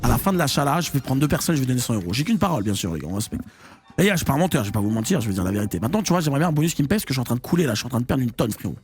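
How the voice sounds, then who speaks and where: A man commentating his live slot-machine stream, slangy and excitable, swinging between low muttering and loud hype. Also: rapid-fire, soft background music. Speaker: online casino streamer.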